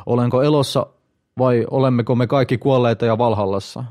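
A man's voice: fairly even intonation, a little mellow, close to an everyday voice. A man doing a dazed wounded barbarian. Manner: dazed, low and breathy.

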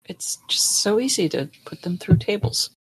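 A woman's voice: mid-range voice, animated, moderate pace, husky, rough recording. A woman playing in a tabletop game, blunt and sarcastic. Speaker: player. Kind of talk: casual tabletop play.

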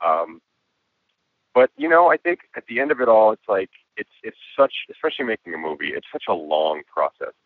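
A man with a hoarse voice, a guest musician and filmmaker talking reflectively in a casual interview. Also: fairly low pitch, sing-song, fairly quick, no echo. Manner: reflective, with frequent restarts and laughs. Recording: tinny phone-like line.

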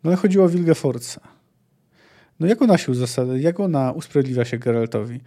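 A man's voice: mid-range voice, lively intonation, fast, dark tone. A man hosting a book discussion podcast, talking hesitantly with frequent filler sounds. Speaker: podcast host discussing a novel.

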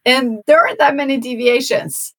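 A woman from Norway, speaking as a guest in a casual interview and explaining things in a measured way. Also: high-pitched, steady tone, fairly bright tone, breathy edge. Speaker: guest painter.

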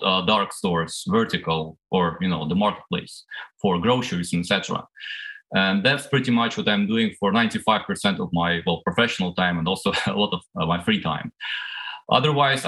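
A man's voice: lowish voice, fairly bright tone. A man speaking as a panel guest, explaining his work in an articulate, structured and conversational way. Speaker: regional manager, panel guest.

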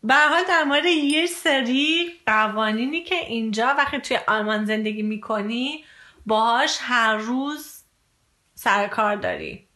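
A woman hosts a casual podcast in a fairly high, bright voice. She talks in a chatty way and leads the exchange, often prompting her partner. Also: big pitch swings. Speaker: podcast host. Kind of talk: casual co-hosted podcast chat.

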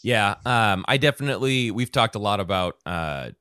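A middle-aged man hosting a podcast, chatting casually with many halting restarts. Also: fairly low pitch, animated, sharp tone, clean tone, no room sound, studio quality. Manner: halting, restarts often, friendly questions. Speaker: podcast host.

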